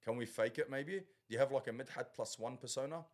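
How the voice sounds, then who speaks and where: A man hosts a relaxed podcast chat in an everyday mid-range voice. He jokes freely, laughs often and throws in quick teasing asides. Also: medium pitch. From Australia. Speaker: podcast host and shop owner. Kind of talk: casual podcast banter.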